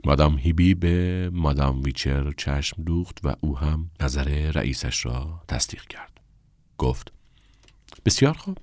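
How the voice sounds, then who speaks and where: A man narrating an audiobook in a measured, even storytelling manner. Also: very deep voice, dry recording.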